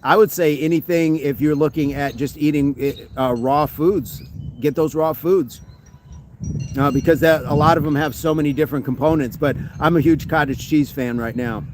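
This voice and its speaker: Speaking at a moderate pace with fairly even intonation, a man with a voice on the high side hosts a fitness livestream among trees. He chats upbeat with viewers and reads their comments from a phone while background noise carries on.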